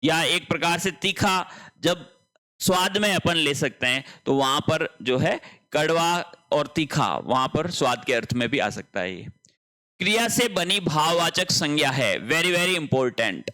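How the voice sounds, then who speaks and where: A man teaching Hindi grammar as he works through an exam paper, explaining each answer step by step and stressing key points slowly. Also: fairly high pitch, expressive, pushed and bright. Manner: explains step by step, often repeating "dhyan rakhen". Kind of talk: exam paper solution lesson.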